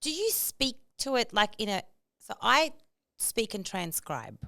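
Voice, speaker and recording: A woman guest chatting casually on a podcast, animated and quick to laugh, often acting out voices. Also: medium pitch, creaky, dry recording. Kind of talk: casual chat.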